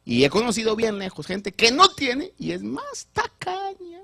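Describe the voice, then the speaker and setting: Husky male pastor preaching, lively swoopy voice, kinda high, dry sound. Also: a little slow, no room sound. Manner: animated, repeats words while building a point. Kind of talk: sermon.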